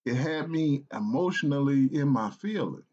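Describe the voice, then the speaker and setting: A man's voice: mid-range voice, expressive, darkish tone, muffled recording. Earnest man telling a personal story. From South Carolina, United States. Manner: earnest, halting, with restarts and repeated phrases.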